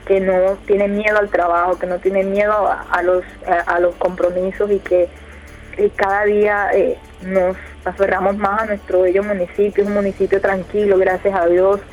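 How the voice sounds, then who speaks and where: A woman's voice: mid-range voice, flat delivery, moderate pace. A woman, a radio guest answering in a casual, hesitant way with many fillers and restarts. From Colombia, Córdoba department. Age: 20s. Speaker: youth council leader, radio guest. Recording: muffled radio audio, faint music behind.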